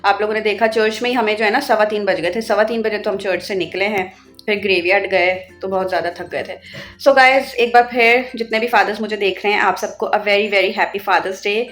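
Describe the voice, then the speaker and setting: A young woman vlogging in a casual, chatty way, telling family stories and turning soft and wistful when she remembers. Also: mid-range voice, fairly even intonation, fairly quick, soft background music. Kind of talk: casual vlog chat.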